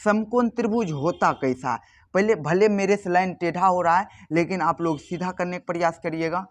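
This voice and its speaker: A man's voice: high voice, normal speed. A man teaching a maths lesson for board exams, asking questions and answering them himself with stretched, emphatic words. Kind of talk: board exam tutorial.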